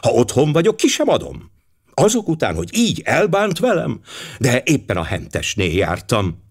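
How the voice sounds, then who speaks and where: A man voicing a fussy, talkative middle-aged housewife in an audiobook, raising his voice high for her. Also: huge pitch swings, breathy edge, full character voice. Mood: indignant chatter. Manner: indignant, talkative.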